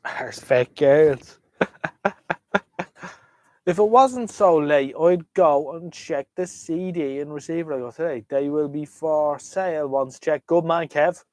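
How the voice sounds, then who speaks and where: Slightly high and a little mellow, this Irish man's voice moves a bit slowly yet with hardly any pauses as he hosts a rambling live chat about vintage radios. He's hesitant and opinionated, trailing off and shifting thoughts, with no room sound.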